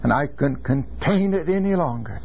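A man's voice: a little high, animated, a little hiss or hum. An older man from California, a seminary professor, lecturing earnestly and telling stories from his own life. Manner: measured, earnest, anecdotal. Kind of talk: classroom lecture with personal storytelling. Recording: dull lo-fi lecture recording.

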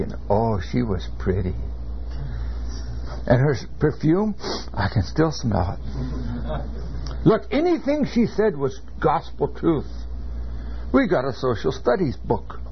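An older professor from California gives a classroom lecture in a measured, earnest way, slipping into personal stories. His voice sits at an ordinary middle pitch. The recording is dull and lo-fi, with a faint hiss underneath. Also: vocal fry. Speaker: seminary professor.

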